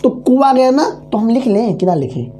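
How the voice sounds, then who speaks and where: A man's voice: extremely high pitch, big pitch swings, mellow, slight background noise. A man teaching an online exam-prep grammar lesson, drilling syllables and chanting memory formulas while checking that students follow. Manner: drills syllables slowly, keeps checking understanding; repeats mnemonic formulas aloud.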